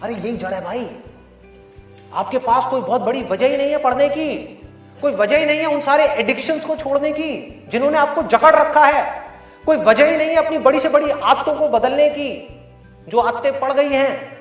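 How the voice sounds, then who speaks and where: A man's voice: very high-pitched, normal speed. A man giving a motivational talk to students, emphatic and full of rhetorical questions. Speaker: motivational speaker. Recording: roomy, distant mic, faint music underneath.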